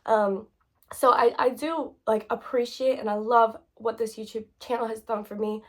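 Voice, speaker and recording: A woman's voice: fairly high pitch, steady tone, moderate pace. A woman in her late twenties talking candidly to her viewers in a casual vlog, chatty and full of fillers, close to tears at times. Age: 20s. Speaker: YouTuber.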